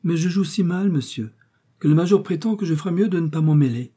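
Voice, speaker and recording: A man's voice: a little high, expressive, fairly quick, warm tone, breathy edge, pitched above the performer's own voice. A man voicing a fussy, self-deprecating married lady in an audiobook. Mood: flustered. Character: flustered, eager-to-please married lady.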